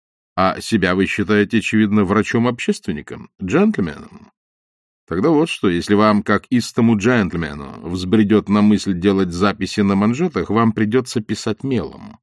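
A man's voice: lowish voice, lively intonation, moderate pace, no echo, close to an everyday voice. A man voicing a suave, ironic con man who gives dry, mocking orders.

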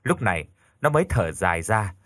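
A man narrating a scripted ghost story in a dramatic, expressive way. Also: fairly low pitch, brisk, no echo, clean studio sound.

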